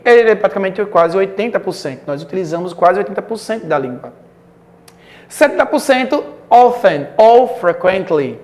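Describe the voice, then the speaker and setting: Male school English teacher from Brazil, unhurried, patient explainer, goes through vocabulary lists item by item. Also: high voice. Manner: explains patiently, checking in with frequent "ok?"; lists words one by one, slowly and evenly. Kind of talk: recorded online class.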